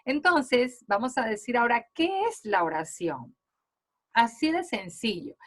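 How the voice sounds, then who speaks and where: A middle-aged woman teaching a grammar lesson to children. She talks patiently, keeps checking in with "¿verdad?" and "muy bien", and slows down to stress key words. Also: on the high side, big pitch swings, fairly bright tone.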